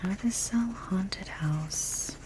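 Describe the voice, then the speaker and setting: A woman in a whispered role-play as a gentle, sleepy librarian, speaking softly and unhurriedly as she works at her desk. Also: medium pitch, drawn-out words, rough recording. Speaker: ASMR performer playing a librarian. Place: small indoor room at a desk.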